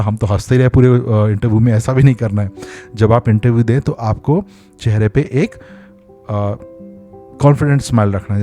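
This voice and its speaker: A man's voice: medium pitch, mellow. A middle-aged man giving career advice in a casual talk to camera, mixing in English phrases and acting out short examples in a direct, reassuring way. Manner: mixes Hindi with English phrases, demonstrates by example. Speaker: career coach for hospital admin jobs.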